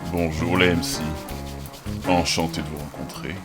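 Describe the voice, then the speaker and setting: A man playing a polite wife in a comedy short, with very loud music behind. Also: extremely low pitch, fairly even intonation, normal speed. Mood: courteous. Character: polite spouse introduced as uncle's wife. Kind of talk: comedy short film acting.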